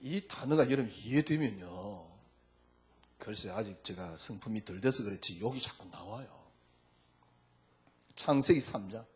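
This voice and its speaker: A male pastor preaching a sermon, firing rhetorical questions at his congregation in an informal, lively way. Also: on the low side, moderate pace, long pauses. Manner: speaks informally and lively in the pulpit.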